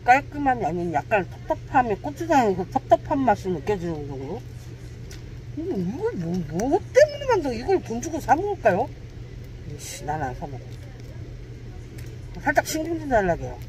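A man's voice: extremely high pitch, huge pitch swings, normal speed, darkish tone, slight background noise, rough recording. A man talking while chewing, grumbling bluntly as he reviews food in a casual vlog. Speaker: mukbang vlogger.

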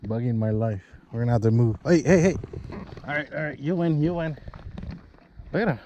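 A man's voice: medium pitch, brisk, warm tone. A young man vlogging while fishing from a canal bank outdoors, talking casually to the camera and to himself. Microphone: head-mounted action camera. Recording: outdoor action-camera audio with clear background noise.

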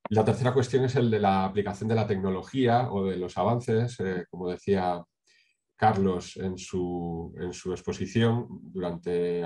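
A middle-aged man from Spain with a low, dark voice presents a project over a webcam on a video call. He talks in a measured way, pausing often with hesitations and tag questions. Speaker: sustainability consultant presenting a project. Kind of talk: online conference talk with slides.

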